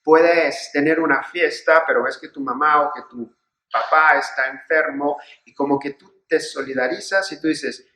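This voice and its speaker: A man's voice: fairly high pitch, fairly even intonation, moderate pace, sharp tone. A man speaking as a priest in a sermon-style reflection, earnest and building his points through repeated phrases and rhetorical questions. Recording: echoey room.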